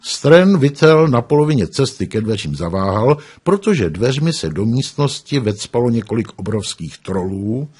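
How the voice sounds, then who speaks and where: Husky man narrating an audiobook. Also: medium pitch, few pauses. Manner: expressive storytelling.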